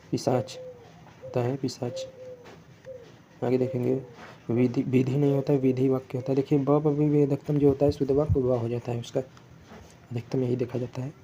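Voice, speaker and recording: A man's voice: mid-range voice, lo-fi sound, background noise. A man teaching Hindi spelling for exam prep, going word by word and often correcting himself. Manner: self-correcting, repetitive word-by-word explanation.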